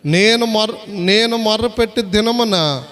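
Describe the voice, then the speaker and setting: A man's voice: high voice, unhurried, a bit bright. A man preaching a sermon as pastor, repeatedly urging the congregation to answer aloud. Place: prayer hall. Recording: long hall reverb.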